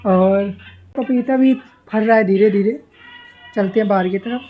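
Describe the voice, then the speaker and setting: Speaking unhurriedly in a high voice with a dark tone, a young Indian man tells his viewers about life in his village. He narrates casually to camera around his home, garden and the roadside, with soft music behind and poor audio quality.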